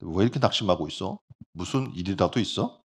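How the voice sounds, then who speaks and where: A man's voice: sits low, expressive, brisk, gravelly, breathy edge, heavily acted. A man voicing a baffled male friend who fires off raised, incredulous questions.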